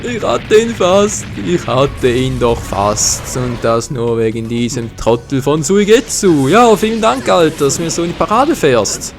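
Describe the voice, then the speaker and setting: An excitable man with a German accent talks over his own fighting game match, swinging his voice up and down as he cheers and curses. His voice sits a bit high for a man. Game music plays faintly behind him. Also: unhurried, hardly any pauses. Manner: excitable, swears and groans at misses. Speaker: gaming commentator. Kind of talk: live gameplay commentary.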